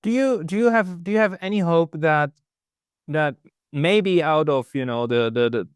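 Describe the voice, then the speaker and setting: A man hosting an interview who asks long questions haltingly, restarting his words. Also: a little high, clear, resonant tone, no echo, clean studio sound. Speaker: interview host.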